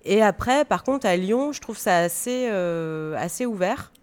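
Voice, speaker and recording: A woman's voice: mid-range voice, lively intonation, a little slow. A woman speaking conversationally as a radio panel guest, often searching for her words. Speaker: guest, stage director and drama teacher.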